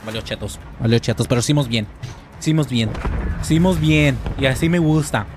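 A young Mexican man giving excitable, jokey gameplay commentary and swearing now and then. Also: medium pitch, fairly quick, music in the background. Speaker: gamer. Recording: gunfire from game audio. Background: loud game gunfire.

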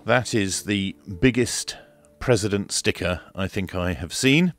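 A middle-aged man hosts and narrates a radio equipment review from a small home studio, talking into a close desk microphone. His voice sits fairly low, a little bright, and moves at a slightly slow pace. Soft music plays in the background.

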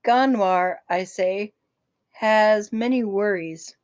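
A woman voicing a polite young refugee boy who speaks careful, halting English, in a slow audiobook reading. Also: mid-range voice, natural voice.

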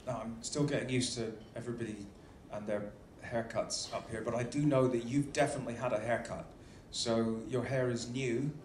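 A man's voice: medium pitch, fairly even intonation, moderate pace, hardly any pauses. Teasing man hosting in an echoey theatre. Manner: teasing, dry humour. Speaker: ship's captain hosting staff introductions. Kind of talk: joking live stage introductions to an audience. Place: theatre stage on a cruise ship. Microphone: handheld PA mic, filmed from the seats. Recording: echoey theatre, noisy phone recording from audience.

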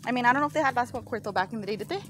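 A woman's voice: fairly high pitch, lively intonation, rapid-fire, noisy background. A woman chatting casually as she explores, recorded on a handheld phone. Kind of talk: casual chat while exploring. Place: abandoned farm buildings and open yards. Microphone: handheld phone, speaker behind the camera.

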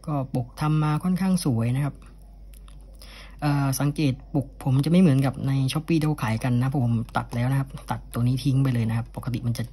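In a husky, mid-range voice, a cassette collector does an off-the-cuff unboxing of an item he owns, regularly tacking polite particles onto his phrases. Steady background noise accompanies this casual product showcase.

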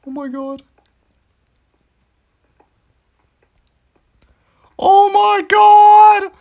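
A woman's voice: very high voice, wildly swooping pitch, normal speed, a bit bright, dull audio, heavily acted. A woman voicing a jumpy, chatty cartoon devil boy in a Minecraft let's play role-play, easily startled. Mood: panicky.

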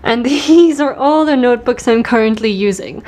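A woman in her twenties, a language learner who vlogs, casually shows her study notebooks and narrates in a self-deprecating way, laughing now and then. Her voice is a little high and a little mellow, at a moderate pace.

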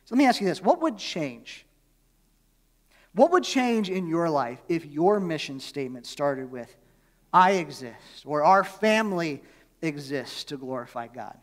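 A man preaching from the pulpit, his voice pitched high for a man. He speaks in a casual, chatty way and keeps asking the congregation questions. The recording has the long, ringing reverb of a large church hall. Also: big pitch swings, a little slow. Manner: conversational, asks the congregation questions. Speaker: pastor. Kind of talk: sermon.

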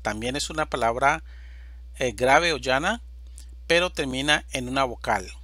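A man teaching a slide-based Spanish grammar lesson, speaking slowly and deliberately and stressing each example word loudly. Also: mid-range voice, no room sound.

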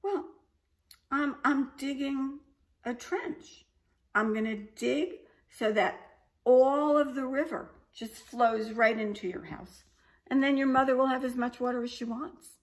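A woman's voice: high-pitched, a little slow, voice pushed up. A woman voicing a sly, stubborn clever young girl who talks in a cool, unbothered way.

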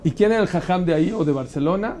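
A man with a slightly raised voice teaches a religious class. He tells the story in an animated way, stops to put questions to his listeners and scatters Hebrew terms through his Spanish. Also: sits high, quick pace.

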